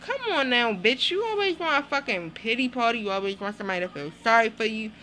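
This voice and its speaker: Woman, casual vlog reviewer, bright tense voice, blunt and animated, salty language. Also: fairly high pitch, fast talker, slight background noise. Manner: blunt, animated, heavy cursing. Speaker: TV show reviewer. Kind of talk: casual profane vlog commentary.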